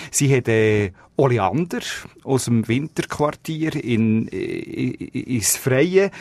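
A man's voice: medium pitch, a little mellow, no room sound. A man with a Swiss German accent hosting a radio advice show, reading out listener questions in a chatty, joking manner. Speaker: radio host. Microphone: studio microphone.

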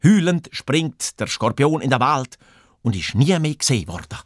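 A man reading a children's story with lively, animated storytelling. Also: mid-range voice, moderate pace, no room sound, studio quality.

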